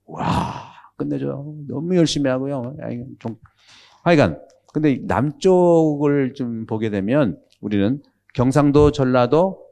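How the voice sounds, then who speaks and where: Mellow-voiced male priest giving a chatty lecture. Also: medium pitch. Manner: chatty and humorous, asks the audience questions; drops into regional speech when quoting. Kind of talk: conversational catechism lecture.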